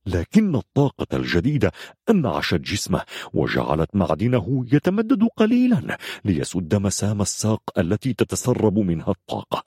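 Deep-voiced male storyteller, animated and expressive, dry booth sound. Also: moderate pace, husky, no echo. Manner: expressive, dramatic reading. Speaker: narrator. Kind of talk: storybook narration.

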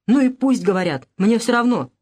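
Young peasant wife, sharp-tongued and defiant, voiced by a woman narrator; audiobook. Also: mid-range voice, lively intonation, moderate pace, close to an everyday voice. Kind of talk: audiobook character voice.

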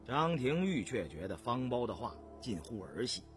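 A man narrating a historical novel in a measured, expressive storytelling style. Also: medium pitch, soft background music.

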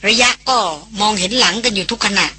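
A woman reading an audiobook voices a calm older brother who speaks evenly and soothingly. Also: mid-range voice, fast, a little hiss or hum, natural voice. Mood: reassuring.

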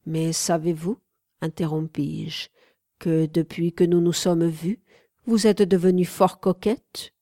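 A woman reading an audiobook, voicing an infatuated young gentleman who speaks earnestly. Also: fairly low pitch, little pitch movement, slow pace, no room sound, clean studio sound. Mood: teasing.

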